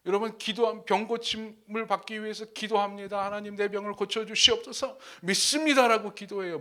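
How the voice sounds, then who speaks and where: Bright-voiced, emphatic Korean pastor preaching. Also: male voice, high voice. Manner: dramatic, shifting between hushed whispers and loud emphatic rises; acts out quoted speakers in his own voice. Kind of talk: sermon. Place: church.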